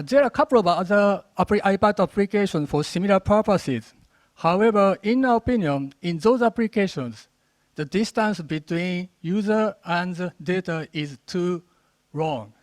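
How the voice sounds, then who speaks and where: Japanese guy doing a rushed lightning talk demo, pretty high voice, animated. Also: no echo. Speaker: conference speaker. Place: conference stage.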